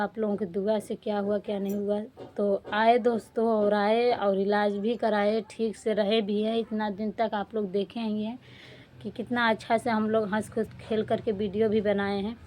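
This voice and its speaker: एक युवा महिला व्लॉगर, जो बार-बार अपनी बात दोहराते हुए दुखी और गुहार भरे लहजे में अपनी निजी परेशानियाँ सुनाती है।. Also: female voice, medium pitch, a little mellow, slight background noise. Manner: distressed, pleading, repetitive; defiant outburst. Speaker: vlogger. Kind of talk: emotional personal vlog.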